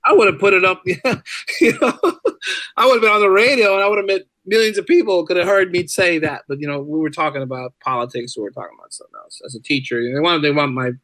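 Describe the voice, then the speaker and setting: Talking fast in a high, bright, forceful voice, a middle-aged man who teaches and writes shares casual stories as a podcast guest, repeating phrases for emphasis in a chatty, informal style. The recording is dry and rough.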